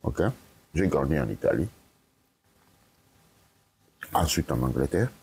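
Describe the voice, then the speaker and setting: An Italian guest speaker gives lecturing interview answers in an extremely low, gravelly, darkish voice that is slow but animated. He's emphatic, repeats his points and keeps checking in with "ok?".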